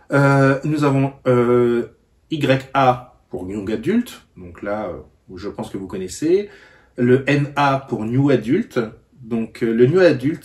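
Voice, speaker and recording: Halting man explaining in a vlog. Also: medium pitch, darkish tone. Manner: halting, searching for words. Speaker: book vlogger.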